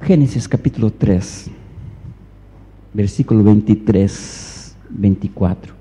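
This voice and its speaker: A man's voice: on the low side, slow, mellow. A male pastor preaching a sermon, telling a story and pressing his listeners with emphatic rhetorical questions, in a reverberant church hall.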